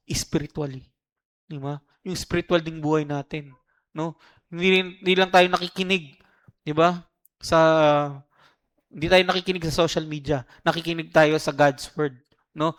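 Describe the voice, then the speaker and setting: Man, pastor, church sermon, slightly high voice, chatty, frequent "di ba?" checks. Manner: conversational, keeps asking "di ba?"; mimics social media influencers. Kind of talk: Taglish sermon. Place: church service.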